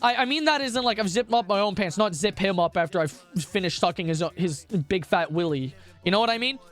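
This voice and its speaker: High-voiced man telling crude rambling stories. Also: expressive, fairly quick, a bit bright, soft background music. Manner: crude, rambling, profane storytelling. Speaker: streamer. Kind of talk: casual chat.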